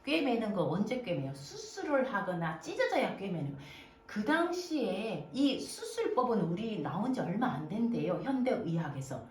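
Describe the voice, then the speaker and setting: Lively woman pastor preaching in an echoey church. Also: mid-range voice, moderate pace, hardly any pauses. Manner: lively preaching with questions to the congregation. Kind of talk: sermon. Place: church sanctuary. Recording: echoey church room, voice from a distance.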